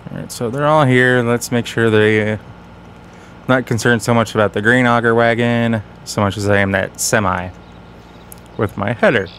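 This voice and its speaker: A man's voice: medium pitch, steady tone, normal speed, a bit bright, slight background noise. A man hosting casual game commentary, talking slightly off as he guards a sore, bitten tongue. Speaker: gaming channel host.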